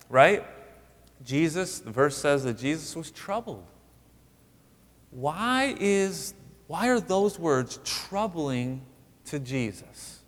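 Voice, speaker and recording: A male pastor preaches in a loose, conversational way, his voice in the middle of the range. He often jumps higher to stress a point. His words ring out with a long reverb, as in a church sanctuary. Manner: conversational, animated, rising emphatic asides. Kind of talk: sermon.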